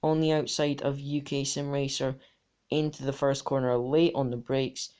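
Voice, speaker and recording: A man's voice: medium pitch, little pitch movement, normal speed, darkish tone, clear, resonant tone. A man commentating over replays of his own sim races, talking matter-of-factly through each corner. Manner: matter-of-fact, talks through laps turn by turn.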